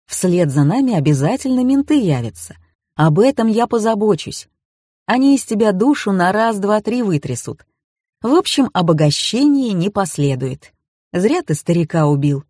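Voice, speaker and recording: A woman reading an audiobook, voicing a calm, mocking tough man who threatens quietly. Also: medium pitch, moderate pace, no room sound, clean studio sound. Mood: menacing.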